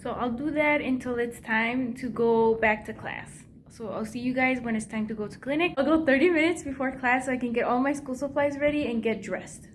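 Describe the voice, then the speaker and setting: A woman's voice: high-pitched, a little fast, hardly any pauses, slight background noise. A woman dental hygiene student chatting casually to her viewers in a vlog, talking straight to the camera about her week. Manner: chatty, addresses viewers directly.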